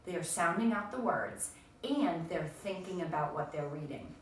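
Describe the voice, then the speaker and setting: A primary school teacher gives young children a read-aloud reading lesson, explaining things and speaking to them directly. Her lowish voice is expressive at a normal speed. The recording has an echoey room, a distant mic and faint noise.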